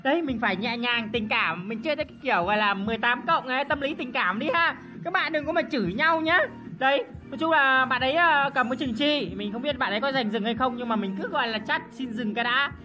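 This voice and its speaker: A woman, hosting a gaming channel with playful, excitable gameplay commentary. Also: sits high, quick pace, few pauses. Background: background music.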